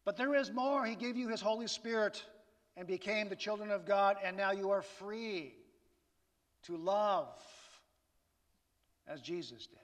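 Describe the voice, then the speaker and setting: A man delivers a sermon with an easy, conversational tone, dropping rhetorical questions to his listeners. He speaks at an unhurried pace. His voice rings out with a long echo, as if in a large church sanctuary. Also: high-pitched, dull audio. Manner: conversational preaching with rhetorical asides. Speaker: pastor. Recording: reverberant hall.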